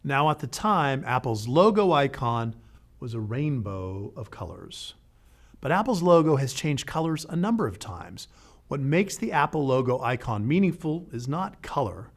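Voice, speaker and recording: A man hosting an educational show, narrating a script in a lively way with playful asides. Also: medium pitch, normal speed. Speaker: podcast host.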